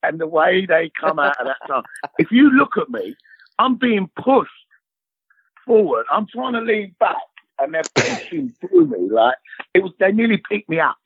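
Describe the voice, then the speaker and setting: A man's voice: a little high, husky, no echo. A middle-aged man, a guest actor telling stories in a slangy, swearing way and laughing at his own tales. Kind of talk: animated storytelling. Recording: slightly dull lo-fi sound.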